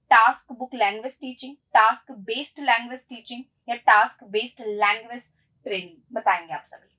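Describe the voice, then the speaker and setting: A woman's voice: a little high, a bit bright, poor audio. A woman teaching an exam-prep lesson online, going through quiz questions step by step and checking in with her students. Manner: explains step by step, checks in with "ठीक है".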